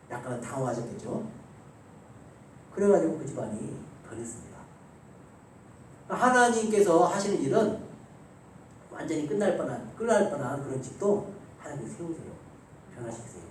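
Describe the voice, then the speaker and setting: A male pastor preaching a Sunday sermon, telling stories with emphasis and swinging between loud and soft delivery. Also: fairly high pitch, a little hiss or hum. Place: church sanctuary. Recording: very echoey church hall, voice from far off, faint ambience.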